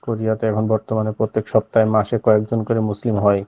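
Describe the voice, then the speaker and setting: A man gives an evening language class over a video call, speaking patiently with frequent pauses and filler sounds. His voice sits at an ordinary pitch. The audio is a little dull and completely dry, with no room sound. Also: monotone, dry recording. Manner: patient, explanatory, many fillers. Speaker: online language teacher. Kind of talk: casual online class. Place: home at night.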